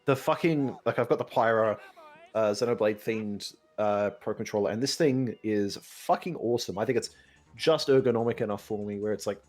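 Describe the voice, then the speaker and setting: A man's voice: lowish voice, moderate pace. Profane, casual young man chatting over gameplay. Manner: casual, profane, animated opinions on game tech. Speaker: co-host of a gaming playthrough. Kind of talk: casual chat while playing a video game.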